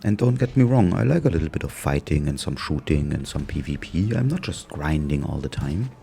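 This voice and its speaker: Gamer guy voice-over, German accent, deep and gravelly, wry and sarcastic, slight hiss behind. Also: sing-song, a little fast, mellow. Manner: dry, amused, sarcastic. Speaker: gaming YouTuber narrating gameplay. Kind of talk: casual gameplay commentary.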